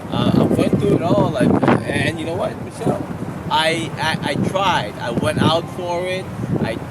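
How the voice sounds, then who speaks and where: A man from Guyana, raised in Queens, talking earnestly as an interview guest, often restarting with fillers. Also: normal speed. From Guyana, raised in Queens, New York. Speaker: business founder, interview guest. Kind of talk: casual outdoor interview. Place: outdoors by the water near a pier. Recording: loud wind noise and boat rumble outdoors.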